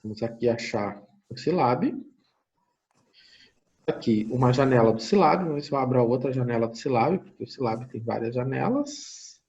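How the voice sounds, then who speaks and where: A man's voice: mid-range voice, expressive, normal speed, darkish tone. Brazilian male lecturer teaching remotely, step-by-step and thinking aloud, with dull lo-fi mic sound. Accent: Brazilian Portuguese. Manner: explains step by step, thinking aloud, often checks in with listeners. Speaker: university lecturer. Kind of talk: online lecture with screen sharing.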